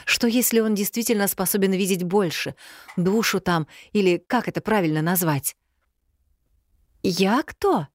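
A woman narrating a first-person audiobook in an even, measured storytelling manner. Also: mid-range voice, no room sound, clean studio sound.

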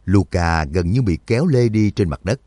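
A man narrating an audiobook in an expressive, vivid storytelling manner. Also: low voice, moderate pace, dry recording.

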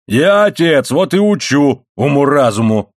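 A man's voice: medium pitch, expressive, no echo, clean studio sound, close to an everyday voice. A man doing a furious, bellowing coal-miner father. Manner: shouting, threatening, drawn-out words.

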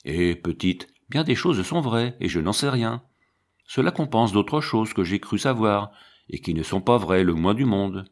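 A man voicing a gentle, humble old monk who tends a convent garden, speaking in a mild, musing way. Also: fairly low pitch, lively intonation, unhurried.

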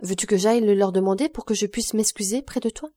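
A woman's voice: medium pitch, quick pace, warm tone, no room sound, lightly acted. A woman reading an audiobook, voicing an earnest young woman who speaks anxiously and affectionately to her grandfather. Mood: pleading.

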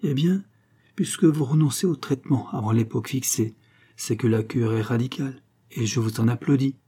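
A man's voice: medium pitch, moderate pace, dark tone, breathy edge, lightly acted. A man reading the part of a poised, ironic young widow in an audiobook. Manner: ironic, lightly teasing.

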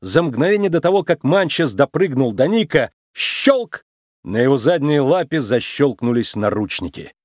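A man narrating a children's storybook aloud with an expressive, animated reading. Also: mid-range voice, moderate pace, dry recording, studio quality.

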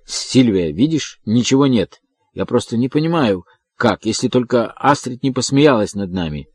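A man doing a captive who holds his voice steady and pleads in an even, middle pitch. The reading is dry and close to the mic. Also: normal speed, breathy edge, no echo. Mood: tense. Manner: forcedly calm, pleading. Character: male captive speaking with forced calm.

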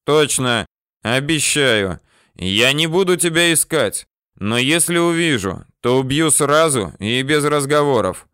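A ruthless gunman, as a male reader plays him laying down loud, deliberate threats, each word spaced out slowly. The voice sounds smooth and close, with no room around it. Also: medium pitch, lively intonation, dry recording, pitched above the performer's own voice. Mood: commanding. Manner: loud, slow, threatening declarations. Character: hard, ruthless gunman, man, calm menace.

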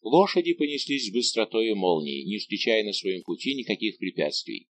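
A man narrating an audiobook in a measured, dramatic reading style. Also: on the low side, lively intonation, a bit bright, a little hiss or hum. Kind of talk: scripted narration.

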